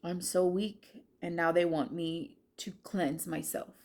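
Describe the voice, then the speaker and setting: A woman's voice: fairly low pitch, steady tone, a little slow, darkish tone. A woman sharing a personal faith testimony, telling it earnestly and emotionally, often restarting her sentences.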